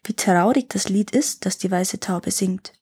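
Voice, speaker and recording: An earnest, trusting young prince who asks questions in wonder, as a woman reading a fairy tale voices him. His tone is gentle, with a breathy, husky softness. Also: medium pitch, unhurried.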